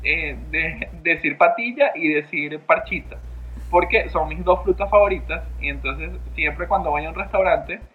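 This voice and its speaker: A man's voice: on the high side, normal speed. A man co-hosting a casual podcast chat, speaking hesitantly with many fillers. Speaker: podcast co-host. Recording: tinny phone-like line with faint noise.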